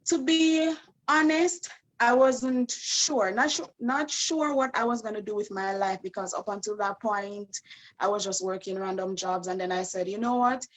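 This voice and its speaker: A woman's voice: medium pitch, normal speed, low-quality recording. A woman with a Jamaican accent speaking in a friendly, candid way as an interview guest. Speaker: guest graduate. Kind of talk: conversational interview.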